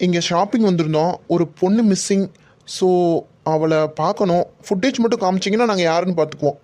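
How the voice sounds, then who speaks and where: A man's voice: high voice, fast, darkish tone, natural voice. A man voicing a pushy investigating officer who talks down to staff and scolds impatiently. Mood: bossy. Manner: bossy, scolding.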